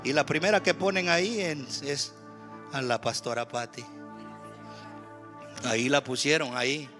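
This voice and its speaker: A man from El Salvador with a Salvadoran Spanish accent, preaching a church sermon in an animated way, moving from loud exhortation to quiet storytelling with joking asides. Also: medium pitch, measured pace, soft background music. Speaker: pastor. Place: church sanctuary.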